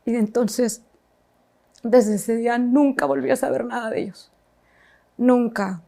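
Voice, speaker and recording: A woman telling her own painful story as a personal testimony, halting and reflective, with restarts and pauses. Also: fairly high pitch, steady tone, gravelly, mellow.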